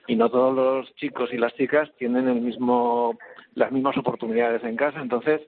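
A man's voice: mid-range voice, fairly even intonation, normal speed. A male teacher, answering a radio interview by phone, hesitant and full of fillers. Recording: tinny phone line.

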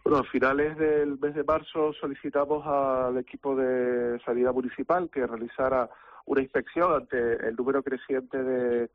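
A man's voice: medium pitch, level tone, moderate pace. A man, a deputy mayor, speaking formally and with many hesitations in a radio phone interview. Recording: tinny phone line.

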